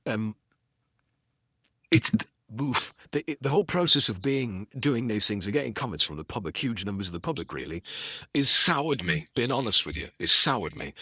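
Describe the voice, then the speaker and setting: A man's voice: medium pitch, pushed and bright, no echo, clean studio sound. A middle-aged man with a Geordie accent chatting about a detective book, wandering into self-deprecating asides, with lots of ums and false starts. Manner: digressive, self-deprecating, full of ums and restarts. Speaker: audiobook narrator. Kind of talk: casual rambling commentary.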